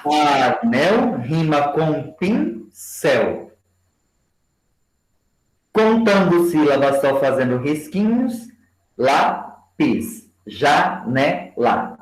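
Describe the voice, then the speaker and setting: A man giving a training lecture to teachers and slowly spelling out example words for his class. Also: a little high, sing-song, faint music behind. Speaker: education lecturer. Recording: roomy echo.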